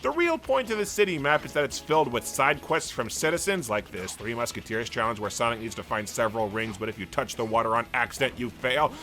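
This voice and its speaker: Snarky guy ranting through a game review, high lively voice, faint music under it. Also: brisk, hardly any pauses. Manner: sarcastic, ranting, swearing. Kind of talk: scripted review narration.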